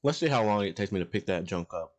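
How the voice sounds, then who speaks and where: Male gameplay host, low voice, rambling casual commentary, lots of fillers. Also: lively intonation, quick pace. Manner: rambling, hesitant, with many fillers and restarts. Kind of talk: casual commentary over online game.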